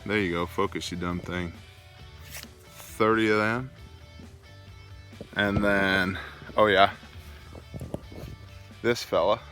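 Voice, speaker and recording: A middle-aged man talking casually to viewers as a folksy gun enthusiast and preparedness host, making emphatic points in short deliberate phrases. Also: fairly low pitch, fairly even intonation, bright, forceful tone, faint music behind. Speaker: homesteading and preparedness video host. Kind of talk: casual off-the-cuff vlog talk to viewers. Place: outdoors, walking on own rural land.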